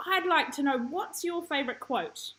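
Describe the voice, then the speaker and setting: Bright-voiced woman hosting a video interview. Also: high-pitched, normal speed, rough recording. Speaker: host. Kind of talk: casual video-call interview. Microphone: video call.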